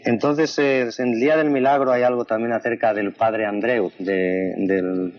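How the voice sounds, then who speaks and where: Earnest low-voiced male interviewer. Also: fairly even intonation, normal speed. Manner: earnest, often restates the guest's answers. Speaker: interviewer, a doctor. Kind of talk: conversational interview. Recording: dull lo-fi recording.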